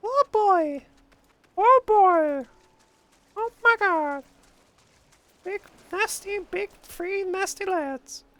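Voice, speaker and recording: A man voicing an excitable, dim cartoon character in a dopey bellow. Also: very high-pitched, extremely slow, long pauses, no echo, pitched above the performer's own voice, heavily acted. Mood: excited alarm.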